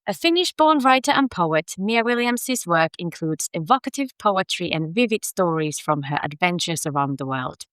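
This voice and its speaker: A podcast host with a bright, somewhat low voice welcomes and questions her guest in an interview, friendly and encouraging and laughing often. The recording has no room sound.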